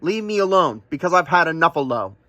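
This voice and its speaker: A man's voice: on the high side, very animated, a little fast, pushed and bright, dull audio. A man voicing a grumpy, huffy male buffalo in a rhyming storybook, stomping and huffing.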